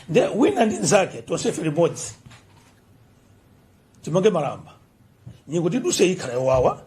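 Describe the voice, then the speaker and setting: A man's voice: a little high, warm tone. A man with a Malawian accent making an appeal to the public in short phrases at a political briefing. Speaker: government official. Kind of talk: political address at a press briefing.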